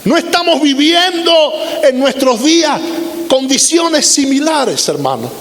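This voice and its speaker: A man's voice: extremely high pitch, big pitch swings, a little slow, fairly bright tone. A man in his fifties, a pastor, preaching a sermon with emphatic repeated lists. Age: 50s. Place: church sanctuary. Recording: roomy hall reverb with faint hiss.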